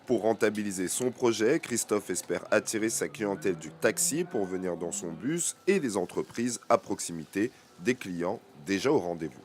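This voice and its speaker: A man presenting and narrating local television news reports in a measured, scripted way. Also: on the low side, animated, darkish tone, a little hiss or hum.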